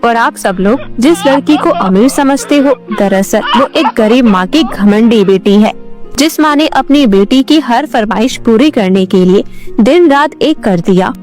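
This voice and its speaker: A woman's voice: on the high side, lively intonation, unhurried, darkish tone, soft background music. A woman voicing a magical talking gown in a cartoon story, speaking in a solemn, reproachful way. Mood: stern.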